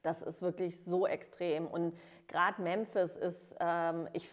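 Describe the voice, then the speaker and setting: A woman's voice: lowish voice, level tone. A woman in her thirties from Cologne, a travel expert guest chatting enthusiastically on a podcast. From Cologne, Germany. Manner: enthusiastic, affirming, quick to laugh. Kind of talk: casual interview chat. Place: studio room with dark backdrop.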